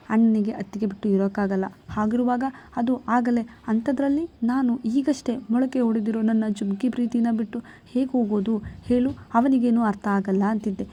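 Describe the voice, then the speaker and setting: A woman's voice: a little high, steady tone, brisk, warm tone, natural voice. A woman voicing a naive, lovestruck young man who whines and pleads. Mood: whiny. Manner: whiny, pleading.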